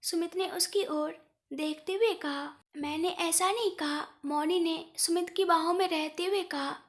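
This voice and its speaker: A woman narrating a romance story in scripted form, with a steady, even storytelling delivery. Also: very high voice, unhurried.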